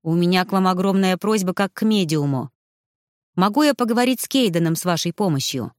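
A woman's voice: on the low side, expressive, brisk, no room sound, studio quality, lightly acted. A woman voicing a polite male ghost officer in a storybook, speaking formally and apologetically. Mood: earnest.

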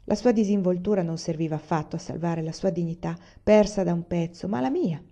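Woman narrating in a warm low voice. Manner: calm, measured reading. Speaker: reader. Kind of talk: audiobook narration.

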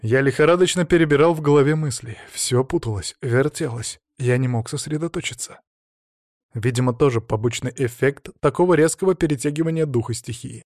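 A man reading a first-person fantasy audiobook in an expressive, lively storytelling manner. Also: mid-range voice, brisk, dry recording, clean studio sound. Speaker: audiobook narrator.

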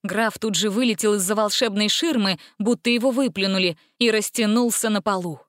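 A woman narrating a fairy-tale audiobook in an expressive, steady reading style. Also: medium pitch, brisk, dry recording, studio quality. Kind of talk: storybook narration.

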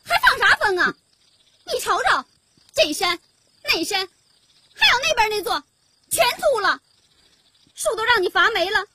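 A male storyteller voicing a fierce young village woman who cries out her demands in a shrill, tearful voice. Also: sing-song, measured pace, pauses often, sharp tone, a little hiss or hum, exaggerated voice. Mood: indignant.

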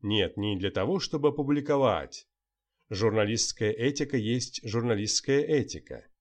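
A man's voice: mid-range voice, moderate pace. Man reading an audiobook evenly. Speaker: audiobook narrator. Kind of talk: audiobook narration.

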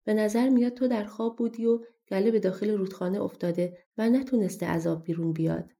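A woman voicing a harsh, short-tempered male farmer who scolds and shouts, in a storybook reading. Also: medium pitch, creaky, close to an everyday voice. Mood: angry.

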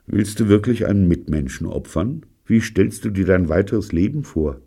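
A man's voice: sits low, animated, normal speed, mellow, breathy edge, voice pushed up, exaggerated voice. Man doing a preachy moralizing boy. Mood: reproachful. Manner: solemn, preachy. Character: moralizing boy, earnest and reproachful.

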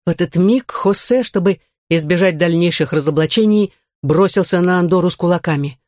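A woman's voice: lowish voice, brisk, darkish tone, no room sound, studio quality. Woman narrating a children's story. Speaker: audiobook narrator. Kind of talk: scripted narration.

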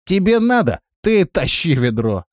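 Guy doing a high whiny bragging creature, swings up and down, storybook. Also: very animated, unhurried, no echo, clean studio sound. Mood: sulky. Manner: boastful, whining. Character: boastful whiny cowardly male creature.

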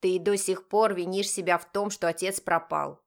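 A woman doing a calm earnest young brother. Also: on the low side, moderate pace, creaky.

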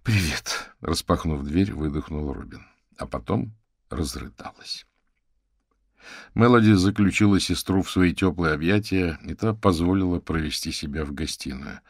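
A man narrating an audiobook in a measured, dramatic storytelling manner. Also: low voice, creaky, no room sound, studio quality. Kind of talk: scripted narration.

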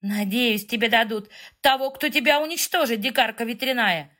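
A woman doing a haughty, shouting mother. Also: high voice, sing-song, moderate pace, pitched above the performer's own voice. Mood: spiteful. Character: pompous overbearing middle-aged mother.

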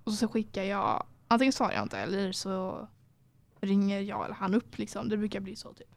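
A young woman co-hosting a podcast, speaking casually and haltingly with many fillers. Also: mid-range voice, animated, creaky, dry recording. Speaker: podcast co-host. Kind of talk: casual chat.

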